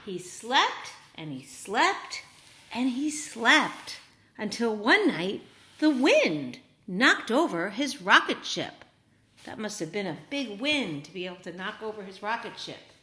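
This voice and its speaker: A woman at medium pitch reads slowly to a group of young children. Her delivery is lively and supportive, and she keeps asking them questions.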